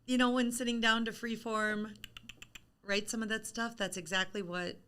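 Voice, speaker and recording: Bright-voiced middle-aged woman, frank and chatty. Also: fairly high pitch, steady tone, normal speed, smooth. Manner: frank and chatty, with self-deprecating humor. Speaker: author being interviewed. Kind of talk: casual live-stream interview.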